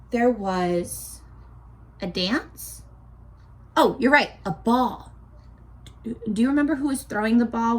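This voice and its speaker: With a voice that sits high, a woman leads a read-aloud lesson for little kids. Playful and lively, she keeps asking the audience questions and responding to the answers she pretends to hear.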